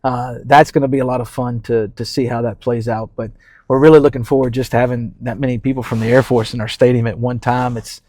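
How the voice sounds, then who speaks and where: Podcast guest, man from New Orleans, over thirty-five, relaxed and halting, repeats words, mid voice, dry close mic. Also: mid-range voice, no echo. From New Orleans, Louisiana. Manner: easygoing, repeats words while thinking, many fillers. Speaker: community development manager for a baseball team. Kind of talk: casual podcast conversation.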